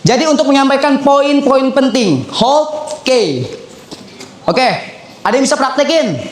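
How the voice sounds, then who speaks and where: A man's voice: very high voice, measured pace. A young man teaching public speaking to students, repeating phrases as he demonstrates hand gestures. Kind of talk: lively seminar teaching to students. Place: school hall with students. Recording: echoey room.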